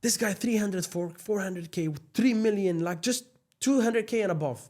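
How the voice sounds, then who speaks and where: A man chats on a podcast in a slightly high-pitched voice. He explains his points informally, with the loose phrasing of an English speaker. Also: moderate pace, darkish tone. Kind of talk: casual podcast conversation.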